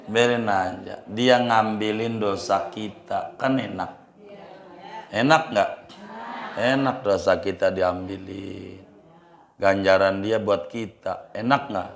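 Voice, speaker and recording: Slow, joking preacher in echoey hall. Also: male voice, lowish voice. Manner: jokey, repeats phrases and asks the audience rhetorical questions. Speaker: Islamic preacher. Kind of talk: sermon with humorous storytelling. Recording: roomy echo of a hall.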